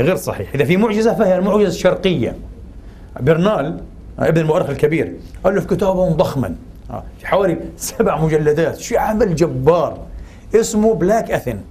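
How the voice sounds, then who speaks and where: A man giving a religious and cultural lecture, posing rhetorical questions and pausing on filler sounds. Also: a little high, a little mellow.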